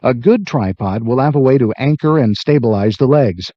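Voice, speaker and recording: A man reads scripted instructional narration in a measured way, like a training video narrator. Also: medium pitch, lively intonation, no room sound. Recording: dull lo-fi worn videotape sound.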